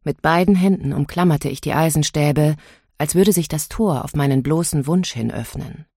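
Woman narrator, first-person novel reading, measured and inward, dry close recording. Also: low-pitched, darkish tone, no echo. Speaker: audiobook narrator.

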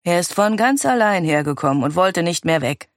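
As a narrator puts him on, a scruffy old man pleads nervously, his voice rough and gravelly. He sounds cornered and fretful in an audiobook crime story, read close and dry. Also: medium pitch, lively intonation, normal speed, dry recording, close to an everyday voice. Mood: pleading. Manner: anxious, pleading.

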